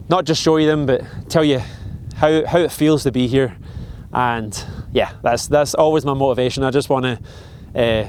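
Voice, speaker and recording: A Scottish man of forty talking casually to camera outdoors on a mountain, reflective and halting, shivering a little in the cold. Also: on the high side, a little mellow, slight background noise. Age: 40s. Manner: halting, reflective, many restarts and fillers. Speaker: vlogger.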